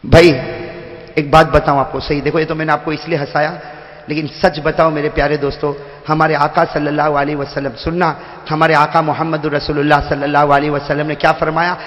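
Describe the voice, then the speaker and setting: A man's voice: on the high side, flat delivery, fairly bright tone. A male preacher giving a humorous sermon to a seated gathering in a large hall, teasing listeners by name and calling out to the crowd. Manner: jokey, teases listeners by name, calls out to the crowd. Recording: echoey hall with long reverb.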